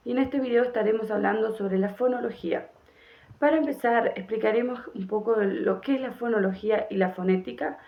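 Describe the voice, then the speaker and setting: A woman's voice: mid-range voice, creaky, lo-fi sound. A young woman reading out a scripted outline for a class presentation, listing topics. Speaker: student presenter. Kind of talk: reading an introduction.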